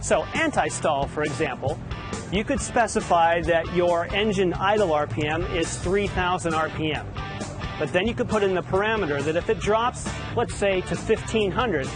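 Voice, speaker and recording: A man's voice: high voice, normal speed, music in the background. Methodical male technical analyst. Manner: methodical, explanatory. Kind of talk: explanatory broadcast commentary.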